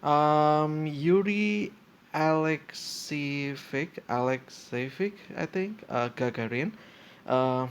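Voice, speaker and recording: A man's voice: on the high side, takes it slowly, clean tone. Rambling young man thinking aloud. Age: 20s. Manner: hesitant, full of fillers and restarts, thinking aloud. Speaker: podcast host. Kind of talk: casual solo podcast, reading and reacting.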